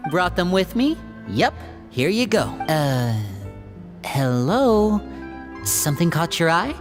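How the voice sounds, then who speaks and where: A woman voicing a composed, charming young man in a video game, polite and measured with a gently teasing manner. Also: fairly low pitch, very animated. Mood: friendly. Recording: faint music behind.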